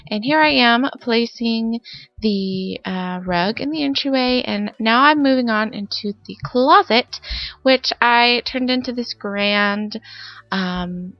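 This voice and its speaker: A young woman who builds in The Sims on YouTube narrates her gameplay in a casual voice-over, sounding congested from a summer cold. Her voice is a little high and unhurried, and she rambles chattily with plenty of fillers. The lo-fi recording sounds dull, with faint music underneath.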